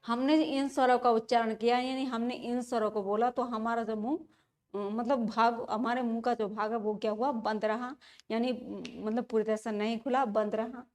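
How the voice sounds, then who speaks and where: A woman's voice: a little high, fairly even intonation, moderate pace, a little mellow. A woman teaching a grammar lesson, repeating key terms and asking rhetorical questions as she explains. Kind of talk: classroom-style lesson.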